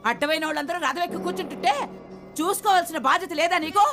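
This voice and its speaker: A haughty village matriarch scolds and gives orders with open contempt. She talks high and quick. Loud film music runs underneath her. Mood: scornful. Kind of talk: Telugu film acting.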